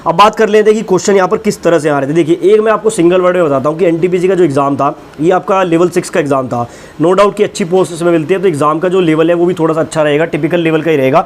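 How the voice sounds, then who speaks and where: A man's voice: a little high, rapid-fire, slight background noise. A young man hosting an exam-prep channel, sharing his own experience and giving direct, earnest advice to viewers in a casual talk. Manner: earnest, direct, reassuring with "ठीक है ना" asides.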